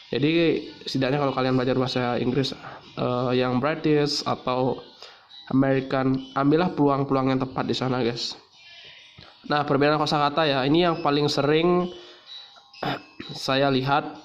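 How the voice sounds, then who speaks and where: A man teaching English in a relaxed video lesson, pausing often with fillers and restarting his sentences. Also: mid-range voice, slight background noise. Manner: hesitant, many fillers and restarts. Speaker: English tutor.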